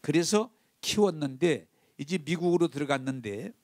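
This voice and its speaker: A man's voice: on the high side, animated, normal speed, a little mellow, dry recording, clean studio sound. A male pastor preaching a sermon, telling a story with feeling and speaking straight to the congregation. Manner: emotive storytelling, addressing the congregation directly.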